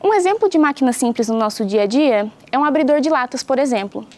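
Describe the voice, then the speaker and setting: A young woman teaches a school science class for pupils at home. Her voice sits high and light, and she explains each point clearly and patiently, often asking the children questions. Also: lively intonation, fast talker, a little mellow. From Brazil.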